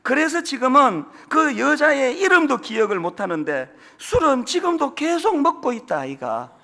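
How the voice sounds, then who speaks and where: A man's voice: extremely high pitch, big pitch swings, moderate pace, bright, forceful tone, voice pushed up, heavily acted. A man voicing a corrupt, worldly old male tycoon with a Gyeongsang dialect, lecturing in a world-weary drawl.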